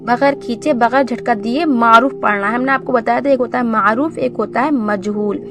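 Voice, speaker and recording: A woman teaching a beginners' Quran reading lesson. She asks questions and answers them herself, and drills syllables slowly and clearly. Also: on the high side, music in the background.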